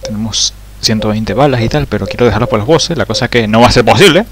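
A man playing a horror game and commenting excitedly, swearing loudly and dropping English exclamations into his talk. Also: on the low side, quick pace, music in the background. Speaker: let's play gamer.

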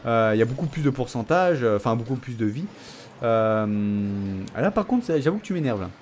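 A man's voice: medium pitch, expressive, moderate pace, darkish tone. A young man commenting casually on his own gameplay, joking and teasing the viewer and his opponent. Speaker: gaming YouTuber. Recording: faint background noise.

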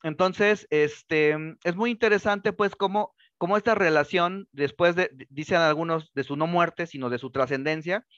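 A man's voice: on the high side, moderate pace, few pauses, a bit bright, no echo, lo-fi sound. A man giving a history lecture, speaking with many fillers and restarts and ending phrases with rhetorical question tags. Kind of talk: academic lecture.

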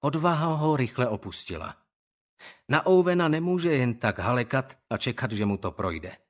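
A man reading an audiobook in calm, measured scripted narration. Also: medium pitch.

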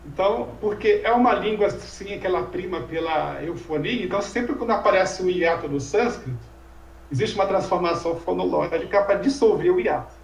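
A man with a high voice explains things in a relaxed lecture, checking in with tag questions and rhetorical asides. He sits well away from the mic. The room around him rings with echo. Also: brisk, gravelly, slight background noise. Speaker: Sanskrit teacher. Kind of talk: informal lecture conversation. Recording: echoey room, voice from far off mic.

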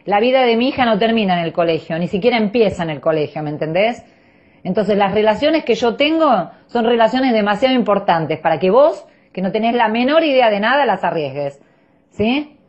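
A woman with an upper-class Buenos Aires accent delivers an indignant scolding. Her manner is posh and haughty, at an average pitch for a woman. The sound is dull and lo-fi, like a phone voice message. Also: a little mellow. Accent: Buenos Aires Argentine Spanish. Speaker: private parent complaining to another parent.

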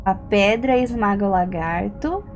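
A woman's voice: mid-range voice, unhurried, faint music behind. A young woman with a Brazilian Portuguese accent, chatting casually and slangily while streaming a game and reading chat. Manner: chatty, slangy, giggly, reads chat aloud.

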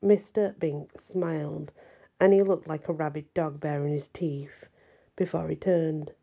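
A woman narrating a story as a storyteller in a soft ASMR style. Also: sits low, fairly even intonation, a little slow, vocal fry.

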